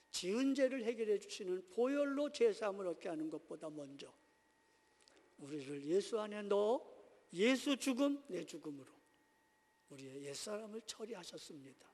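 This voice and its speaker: A man preaches a Sunday sermon from the pulpit with a notably high voice, his words trailing into a long church-hall reverb. He tells homely stories and acts out small scenes, sinking to quiet, low asides before climbing back to loud, high exhortation. He is from Seoul. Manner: storytelling preacher acting out little scenes. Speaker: pastor. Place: church sanctuary.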